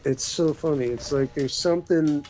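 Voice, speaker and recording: A man's voice: a little high, moderate pace, darkish tone, slight background noise, rough recording. A man hosting a casual spiritual chat, rambling with many restarts and trailing off.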